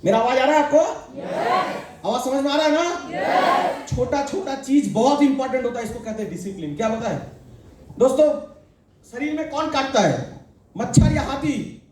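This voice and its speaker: A middle-aged man with a very high-pitched voice delivers a preachy motivational talk to an audience. He keeps asking the crowd questions and slips jokes in between. The sound rings out across a big, strongly echoing hall. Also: expressive, moderate pace, long pauses, distant mic, noisy background. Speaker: motivational speaker addressing a sales team. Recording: very echoey hall.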